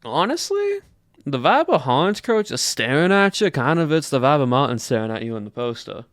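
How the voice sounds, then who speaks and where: Musing aloud to his livestream viewers, a man speaks in a loose drawl with a put-on American Southern accent. His mid-range voice is animated and brisk, with a fairly bright tone. The recording is dry.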